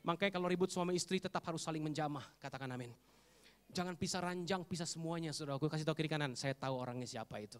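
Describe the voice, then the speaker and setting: Male pastor, high voice, echoing hall, fervent call-and-response sermon, casual slangy asides. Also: very fast, clear, resonant tone. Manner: fervent call-and-response preaching, repeatedly prompting the congregation to say amen; casual slangy asides mixed with scripture reading. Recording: long hall reverb.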